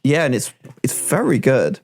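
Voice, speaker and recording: A man hosting a casual podcast, his voice gravelly with fry at mid pitch. He rambles through stories, searching for names as he goes. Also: wildly swooping pitch, normal speed, darkish tone, faint music behind. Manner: rambling, laughs while quoting clips. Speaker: podcast host. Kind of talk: casual chat.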